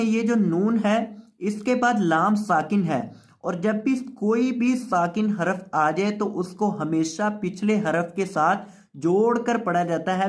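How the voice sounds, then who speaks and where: Guy with a pakistani urdu accent teaching quran letters, high voice, spells out each syllable real slow. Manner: drawn-out letter-by-letter recitation. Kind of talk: slow spelled-out recitation lesson.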